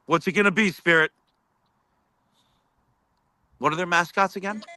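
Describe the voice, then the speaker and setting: A man's voice: high-pitched, normal speed, bright, forceful tone, no echo. A man hosting a live paranormal session, repeatedly asking spirits questions and reporting faint sounds he hears.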